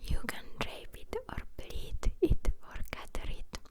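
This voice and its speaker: A woman reads a book aloud as ASMR, whispering close to the listener's ear in a halting way and stumbling over words now and then. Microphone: close ear-to-ear ASMR microphone.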